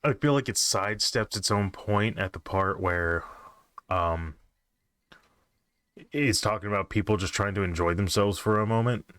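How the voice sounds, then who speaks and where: A man's voice: lowish voice, moderate pace, a bit bright. Casual swearing man streaming. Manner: offhand, swearing, lots of "like". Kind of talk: casual chat.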